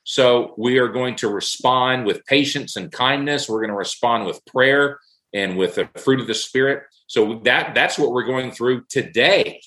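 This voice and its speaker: A middle-aged man speaks at an ordinary mid pitch in a casual faith discussion. He tells stories earnestly and drives his point home by repeating phrases. The recording has a roomy echo. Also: measured pace, sharp tone.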